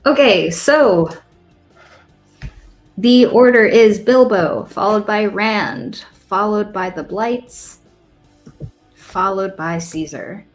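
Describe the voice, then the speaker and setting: A woman's voice: mid-range voice, slow, pauses often, soft background music, low-quality recording. A woman running a tabletop game as game master, laid-back and chatty, sprinkling in filler words.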